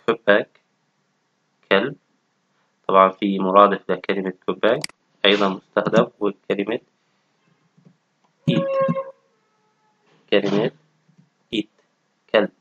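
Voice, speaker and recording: A man's voice: lowish voice, normal speed, pauses often, sharp tone, slight background noise. A man, teaching a textbook language lesson and patiently repeating each word. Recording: dull, dry lo-fi audio.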